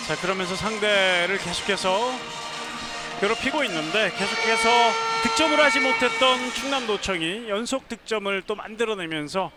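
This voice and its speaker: A man doing live handball play-by-play, given to shouted, drawn-out goal calls. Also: high-pitched, over loud music. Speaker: sports play-by-play announcer. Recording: clear arena noise behind the voice.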